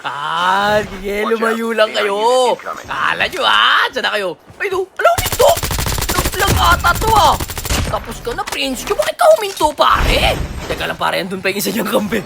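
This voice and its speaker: A young man giving casual, excitable commentary while playing a shooter game, swinging from low mutters to high squeals and shouts. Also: moderate pace, creaky, crowd noise. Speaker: gaming streamer. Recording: game audio with gunfire behind.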